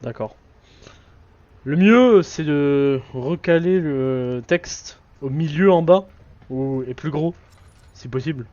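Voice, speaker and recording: A man giving live commentary on a horror game as a streamer, excitable and jokily scolding the game's characters. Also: on the high side, takes it slowly. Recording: dull lo-fi stream audio.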